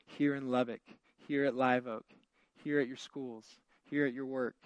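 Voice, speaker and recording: A man's voice: mid-range voice, flat delivery, normal speed, clear, resonant tone, no echo, highs cut off. A man, a pastor preaching a conversational sermon, full of fillers and restarts, building to fervent emphasis. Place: church.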